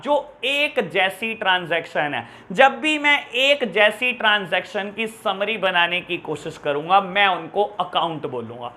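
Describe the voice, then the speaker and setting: High-voiced fatherly male accounts teacher. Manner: fatherly, calls students beta and pyare bachhon; repeats key terms, swings between loud and soft. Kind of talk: online class lecture.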